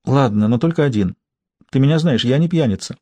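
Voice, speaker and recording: A man's voice: medium pitch, lively intonation, a little fast, mellow, no room sound, dull audio, close to an everyday voice. A man voicing a prim, prudish young woman who works as a bank clerk, in an audiobook reading. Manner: prissy and disdainful. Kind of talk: audiobook character voice.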